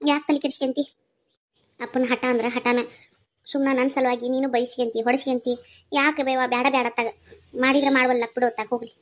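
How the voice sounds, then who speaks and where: Woman voicing a high pleading village daughter. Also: steady tone, quick pace, long pauses, close to an everyday voice. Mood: tender. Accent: North Karnataka Kannada. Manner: pleading, soothing. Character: young unmarried village daughter, gentle and devoted. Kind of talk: cartoon voice acting.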